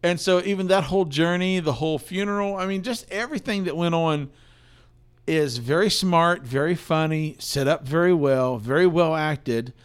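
Male podcast co-host, fairly high voice, chatty and rambling. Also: moderate pace, clear, resonant tone. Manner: rambling, filler-heavy storytelling. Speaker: podcast co-host, film reviewer. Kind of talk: casual film review chat.

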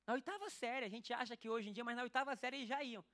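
A man's voice: extremely high pitch, racing. Emotional Brazilian man preaching. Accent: Brazilian Portuguese. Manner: emotional, animated, addresses the congregation directly. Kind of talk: sermon with personal testimony.

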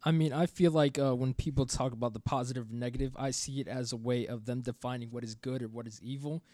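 A man co-hosting a casual podcast discussion, speaking in a steady, reflective way. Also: mid-range voice, fast talker, no room sound. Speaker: podcast co-host.

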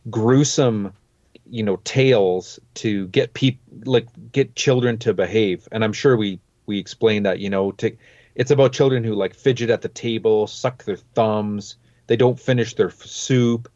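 Speaking at a measured pace, this male podcast co-host has a fairly low, slightly mellow voice. His talk is casual and rambling, packed with fillers such as "like" and "you know." A dull lo-fi microphone captures him dry, without echo.

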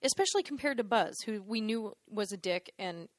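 A woman co-hosting a casual movie recap chat, animated and laughing often, with some swearing. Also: medium pitch, a little fast, no echo, clean studio sound. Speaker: podcast co-host.

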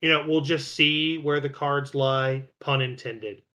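Male podcast co-host, easygoing and rambling, bright tone. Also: medium pitch, measured pace. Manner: relaxed, rambling, many fillers and restarts. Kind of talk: casual card game podcast chat.

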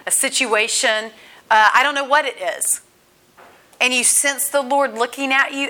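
A woman gives a conversational Bible lesson. Her voice sits high and bright. She talks earnestly and animatedly, and she slips into the people she quotes. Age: 40s. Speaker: women's Bible study teacher.

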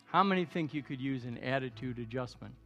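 Speaking a little fast in a medium-pitched voice, a pastor of seventy exhorts his congregation during a sermon and altar call. He keeps repeating declarations of thanks and praise, sometimes shouting them out. The recording carries the reverb of a large church hall, with music in the background.

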